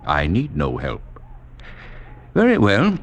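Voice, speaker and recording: An actor playing a suave villainous doctor, formal and over-polite with menace, in a 1940s radio drama. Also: male voice, lowish voice, huge pitch swings, slow pace, full character voice. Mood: politely menacing. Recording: noisy 1940s radio recording.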